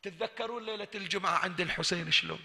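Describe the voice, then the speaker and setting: A man with a Bahraini accent preaching a Shia majlis sermon, swinging from hushed, intimate talk to loud, impassioned appeals. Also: high-pitched, rapid-fire, vocal fry. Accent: Bahraini Arabic. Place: large mosque hall. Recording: echoey hall with long reverb.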